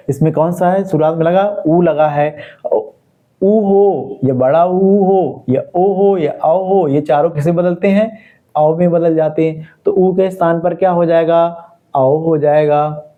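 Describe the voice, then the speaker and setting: A man's voice: fairly high pitch, phone-quality sound. A male teacher giving a Hindi grammar lesson to exam students, explaining step by step as he writes, and asking questions then answering them himself. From India. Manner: repetitive call-and-response questioning.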